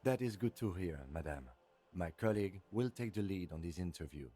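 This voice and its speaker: A composed male police lieutenant in a game, formal and dry in every line. His voice is low, mellow and slightly husky, with faint music under it. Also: lively intonation, brisk. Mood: calm.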